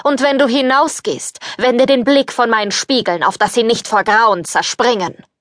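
A woman's voice: a little high, moderate pace, dry recording, clean studio sound, lightly acted. A woman reading an audiobook, voicing a selfish, cruel young prince who speaks with scorn. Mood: scornful.

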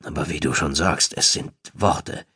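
A man's voice: rumbling low, a little slow, sharp tone, breathy edge, no echo, studio quality, full character voice. A man playing a nervous, stammering husband. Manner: hesitant, stammering with fillers. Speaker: psychologist character. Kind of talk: audiobook dialogue.

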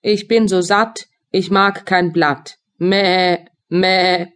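A woman's voice: on the low side, fairly even intonation, very slow, a bit bright. Woman doing a bleating storybook goat. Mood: content. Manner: sing-song rhymes ending in bleats. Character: hungry, complaining female goat.

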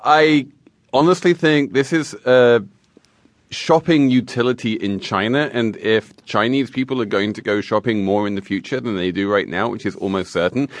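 A man's voice: lowish voice, dry recording. A man journalist on a news panel giving blunt, confident opinions. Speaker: journalist guest.

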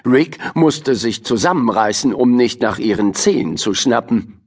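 A man narrating a children's audiobook as an expressive storyteller. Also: medium pitch, a little slow.

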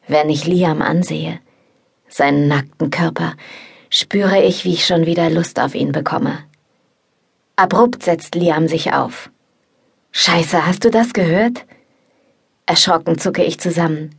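A woman narrating an erotic novel in the first person, in calm, intimate storytelling. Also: low-pitched, measured pace, gravelly, breathy edge. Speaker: audiobook narrator.

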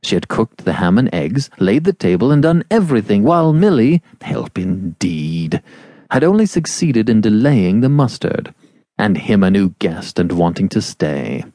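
A man's voice: on the low side, dark tone, no room sound. A man narrating a classic novel as an audiobook, shaping each phrase expressively.

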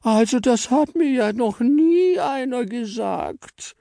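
A man's voice: a little slow, gravelly, warm tone, no echo, clean studio sound, full character voice. A man voicing a self-important, big female chocolate star who whines and wails melodramatically. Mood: offended. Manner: shrill, wailing and melodramatic.

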